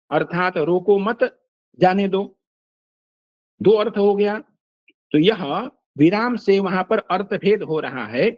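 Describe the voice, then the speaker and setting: An older man teaching Sanskrit phonetics in a slow, measured lecture, pausing to recite verses and examples. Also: sits high, no room sound. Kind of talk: lecture explaining a text line by line. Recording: dull, lo-fi dry recording.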